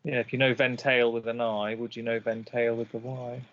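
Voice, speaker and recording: Man, live game commentator, analytical, chatty, mid-pitched voice, muffled lo-fi audio. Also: little pitch movement, normal speed, a bit bright. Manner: analytical, chatty, breaking down moves.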